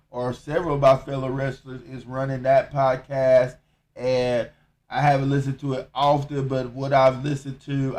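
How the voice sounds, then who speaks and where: A man with a Southern accent hosting a solo podcast update, talking in a slow, measured monotone with frequent pauses and fillers. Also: mid-range voice. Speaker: podcast host.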